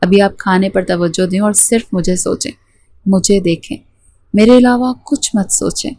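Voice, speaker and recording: A woman's voice: medium pitch, moderate pace, warm tone, dry recording, close to an everyday voice. A woman voicing a young husband in a romance storybook, tender yet firm in how he lectures. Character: young husband, loving but stern.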